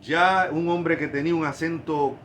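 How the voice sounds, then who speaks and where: A man's voice: on the high side, steady tone, normal speed, a bit bright, a little hiss or hum. Emphatic Puerto Rican male preacher. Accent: Puerto Rican Spanish. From Puerto Rico. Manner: emphatic, rising on key points. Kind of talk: sermon.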